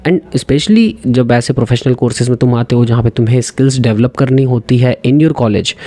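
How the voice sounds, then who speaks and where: A young man from India talks straight to the camera in a casual advice vlog, earnest and direct, dropping English phrases into his talk. His voice is mellow and relaxed, with a middle pitch. The sound is close and dry, with no room echo. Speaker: dental student giving advice.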